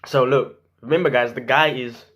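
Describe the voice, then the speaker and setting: A young man telling a story casually to camera in animated slang, acting out bits of dialogue. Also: mid-range voice, moderate pace. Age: young adult. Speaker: vlogger. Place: small room at home.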